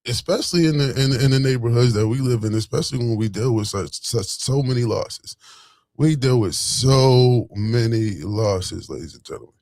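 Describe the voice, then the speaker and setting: A man's voice: mid-range voice, normal speed, darkish tone, dry recording. A man in his forties telling a story in a casual, rambling monologue full of fillers and restarts. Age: 40s.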